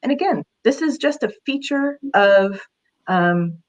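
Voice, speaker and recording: A woman's voice: fairly high pitch, lively intonation, a little slow, poor audio. A woman career counselor giving casual advice in an interview, talking in a chatty way with many fillers.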